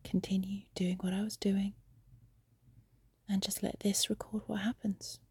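In bed on her side, a young adult woman, an amateur audio creator, whispers softly into a phone held close, keeping a whispered intimate audio diary. The whisper is breathy, unhurried and confiding, at a medium pitch with flat delivery and no echo.

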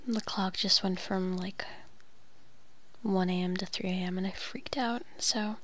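A young woman leaving a rambling late-night voicemail, often whispering softly and filling pauses with ums. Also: mid-range voice, fairly even intonation. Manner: soft whispering, rambling with many fillers. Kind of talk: casual, intimate phone message.

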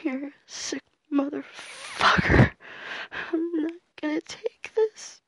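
A young woman voicing a sharp-tongued, mean young female student who swears freely and shifts between defiance and pleading in an audio roleplay. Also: sits high, takes it slowly, gravelly, dry recording, exaggerated voice, low-quality recording. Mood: tearful pleading. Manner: profane, alternating defiance and pleading. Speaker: voice actor.

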